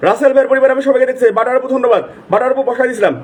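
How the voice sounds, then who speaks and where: A man with a strikingly high voice hosts a live stream, firing off viewers' names one after another at a breakneck pace. His throat is sore from the nonstop calling, and he repeats each plea again and again with urgency. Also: steady tone, rapid-fire, a little mellow, slightly rough. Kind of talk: live stream shout-outs.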